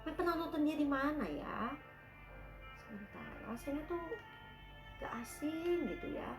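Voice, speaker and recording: A woman in a fairly high register chats through a drama review, mixing English phrases into her talk. Her voice carries a roomy echo, and soft music plays underneath. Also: very animated, measured pace. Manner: chatty, calls herself by name, mixes English phrases. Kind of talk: casual drama review chat.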